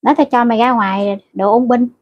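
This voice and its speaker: Middle-aged woman, high husky voice, blunt scolding livestream chat, dull lo-fi audio. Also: steady tone, fast, a little mellow. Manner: blunt, scolding and crude toward commenters. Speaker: livestream host.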